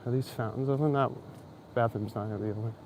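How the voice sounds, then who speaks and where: Walking through a wintry city square, an Ontario-accented streamer talks casually with his chat, rambling, joking and chuckling often. He talks fast in a medium-pitched, darkish voice with fairly even intonation. There's slight background noise.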